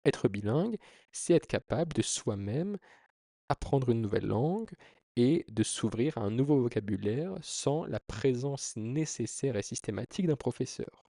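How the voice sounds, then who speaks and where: With emphatic, earnest phrasing, a man who grew up speaking French addresses viewers informally on camera, trying to persuade as he explains. His medium-pitched voice is expressive, creaky and mellow at normal speed, with clean studio sound and no room noise.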